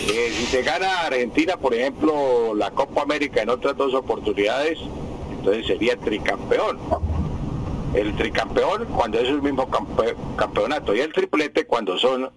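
A man from Colombia on the radio, patiently explaining word meanings to listeners, slowly and with many fillers. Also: mid-range voice, noisy background. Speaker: radio language teacher answering listeners.

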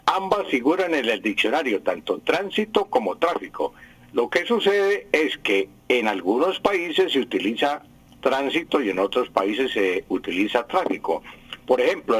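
A man's voice: mid-range voice, fairly bright tone, husky, no echo, rough recording. A man with a Colombian accent, a language expert on a radio news show, explaining word usage and stressing words over and over. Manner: didactic, repeats and stresses words.

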